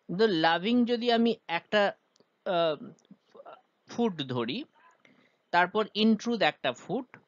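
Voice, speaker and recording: A man's voice: high voice, fairly bright tone, dry recording, highs cut off. A man teaching a poem's rhyme scheme and meter, explaining step by step with frequent "ah" hesitations. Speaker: literature teacher.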